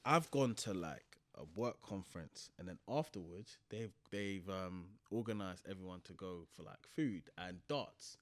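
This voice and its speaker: A man's voice: low-pitched, a little slow, hardly any pauses, a bit bright, no echo. A man with a South London accent telling stories in slangy casual chat, repeating phrases for emphasis. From Croydon, South London. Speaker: podcast host. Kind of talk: casual chat, animated anecdotes.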